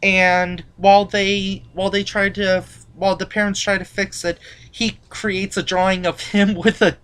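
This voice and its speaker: A woman hosting a casual episode review chat, recapping the plot in halting sentences with many restarts. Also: mid-range voice, level tone, fairly bright tone, clean tone. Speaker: podcast host.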